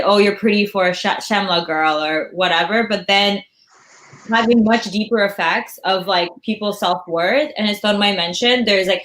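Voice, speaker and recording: A woman's voice: mid-range voice, a bit bright. Young woman moderating a panel talk, supportive and chatty, mid voice. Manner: supportive, conversational. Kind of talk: casual panel discussion.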